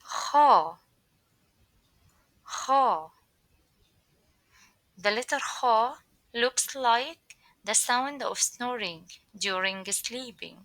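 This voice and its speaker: A woman teaching a beginners' alphabet lesson, modelling each sound slowly and with exaggeration for repetition, with non-native English phrasing. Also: fairly high pitch, a bit bright, no room sound. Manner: slow, exaggerated modelling of sounds for learners to repeat. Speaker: teacher, channel host. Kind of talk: alphabet lesson for beginners, listen-and-repeat drilling.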